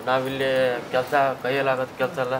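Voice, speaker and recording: A man living at an ashram, telling plainly and haltingly how he came to be there. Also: mid-range voice, completely flat delivery, a crowd in the background. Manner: plain, halting account of his hardships. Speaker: ashram resident.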